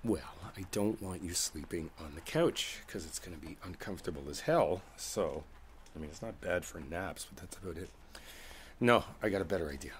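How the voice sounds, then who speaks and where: A roleplay audio performer plays a gentle musician boyfriend in an intimate ASMR piece, softly and unhurriedly coaxing his partner to sleep in a tender, reassuring tone. His voice sits low. Steady rain sounds fill the background.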